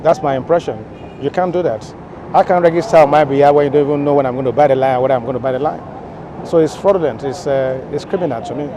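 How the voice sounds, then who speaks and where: A man's voice: a little high, fast talker. A man giving an emphatic opinion in a street interview. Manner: emphatic, stammering start. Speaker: interviewed passer-by. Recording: street interview with traffic noise.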